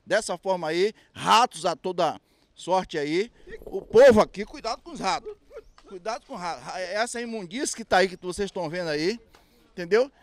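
A man with a high-pitched voice and lively intonation complains at normal speed to a reporter holding a handheld mic at an outdoor street market. He is an interviewed local resident, indignant and restarting hesitantly as he speaks.

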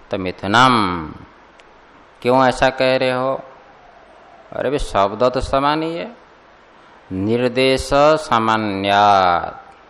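A man teaching a Sanskrit scripture class, explaining slowly and deliberately and putting questions to his students. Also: fairly low pitch, a bit bright. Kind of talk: classroom commentary lecture. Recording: long hall reverb.

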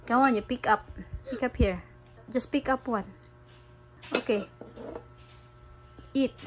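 A mother from the Philippines guiding her young child through a taste game at home, with slow, coaxing instructions. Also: on the high side, faint music behind, poor audio. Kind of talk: homeschool lesson with her child.

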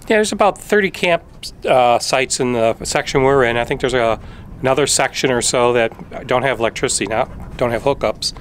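A middle-aged man talks through his travel vlog in a relaxed, informative way, dropping in the odd filler. He is outdoors, holding the camera at arm's length, and his voice sits at a medium pitch. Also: normal speed, slight background noise. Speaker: travel vlogger. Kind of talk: casual travel vlog chat. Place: outdoors by a desert lake and campground. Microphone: camera held at arm's length.

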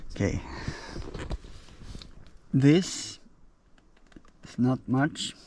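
Slow, gravelly Swede narrating a camping vlog. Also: male voice, mid-range voice, dark tone, slight background noise. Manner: halting, searching for words in English. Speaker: bike touring vlogger. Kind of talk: casual solo vlog narration. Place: outdoors and inside a small tent in a forest. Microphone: action camera held close.

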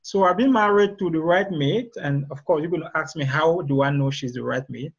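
A guest author and relationship expert with a Cameroonian accent explains his answers in an interview, talking a little fast. His voice is high for a man and husky, heard over dull, lo-fi video-call audio.

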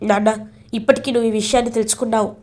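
A woman's voice: on the high side, fairly even intonation, racing, a little mellow, close to an everyday voice. A woman voicing a protective middle-aged father. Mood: urgent.

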